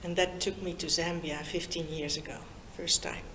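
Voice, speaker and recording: A woman's voice: on the low side, fairly even intonation, reverberant, background noise. A woman in her fifties, a native Dutch speaker, giving an informal, chatty talk to a group of young people and drawing them in with questions. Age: 50s. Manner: slow, warm and chatty, draws in her listeners. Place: meeting room in Lusaka.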